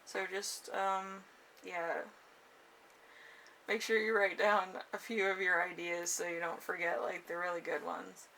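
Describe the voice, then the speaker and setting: Gravelly low-voiced woman reading tarot. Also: flat delivery, unhurried, pushed and bright. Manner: rambling and hesitant, trailing off with frequent chuckles. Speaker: tarot card reader and channel host. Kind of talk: casual, improvised tarot horoscope reading. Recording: noisy room, distant microphone.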